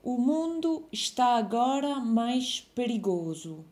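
A woman's voice: on the high side, very animated, slow, a little mellow. A woman reading a dictation, saying each phrase twice and calling out the punctuation. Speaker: dictation teacher.

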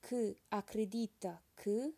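Woman teacher, dictation pace, each phrase said twice with punctuation spoken; unhurried, warm tone. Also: medium pitch, gravelly. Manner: repeats each phrase slowly, calling out punctuation. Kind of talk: slow dictation with punctuation read aloud.

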